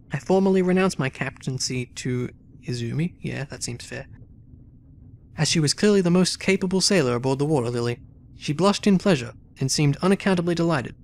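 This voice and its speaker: A man hosting a let's play, reading the game's story text aloud and adding wry, relaxed asides. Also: medium pitch, slight background noise.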